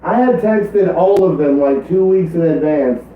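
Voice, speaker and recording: Teasing game master, echoey distant sound. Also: male voice, a little high, measured pace, slight background noise. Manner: teasing, prompting. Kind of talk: casual chat. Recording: distant echoey tinny lo-fi audio.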